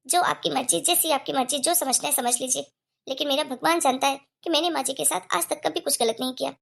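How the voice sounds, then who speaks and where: A woman's voice: high-pitched, fast, gravelly, fairly bright tone. A woman voicing a patient, hurt young wife. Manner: pleading, earnest explaining.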